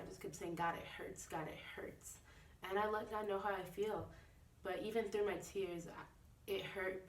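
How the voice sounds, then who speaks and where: A young woman speaks in a candid, reflective video diary, with plenty of fillers as she thinks aloud. Her voice sits a little low for a woman. She is picked up from a short distance in a room that rings with echo. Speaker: vlogger. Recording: echoey room, a bit far from mic.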